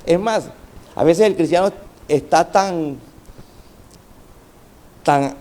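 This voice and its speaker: High-voiced fervent male pastor preaching. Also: takes it slowly, warm tone. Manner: fervent preaching, calls out to the congregation for responses. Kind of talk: sermon.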